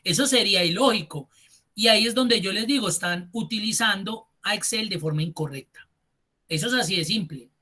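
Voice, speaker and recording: A male instructor leads an online class with a bright, clear, forward voice. He walks his students through each step and keeps asking them to look closely. He sounds like he is speaking into a computer mic on a video call. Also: high-pitched, a little fast. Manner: explains step by step, addresses students directly. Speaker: Excel instructor.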